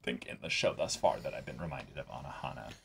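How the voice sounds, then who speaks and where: A man with a very deep, slightly rough, somewhat bright voice and vocal fry talks fast as co-host of a reaction show. He casually discusses an anime episode, thinking aloud and hedging as he goes.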